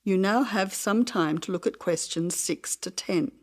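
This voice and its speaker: A woman reading scripted test instructions as narrator, formal and neutral with clear enunciation. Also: medium pitch, measured pace, darkish tone.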